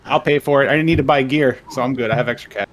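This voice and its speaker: A man's voice: mid-range voice, fast talker. A man chatting casually as a player in a tabletop role-playing game.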